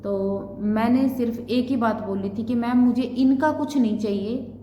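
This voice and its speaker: A fairly high-voiced woman in her thirties tells her own story to the camera, earnest and repetitive as she goes back over what was said. The room around her rings with a long, echoing reverb, and a faint hiss sits underneath. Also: normal speed, mellow. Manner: earnest, repetitive, quotes others' words. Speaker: vlogger. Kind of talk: emotional personal storytelling.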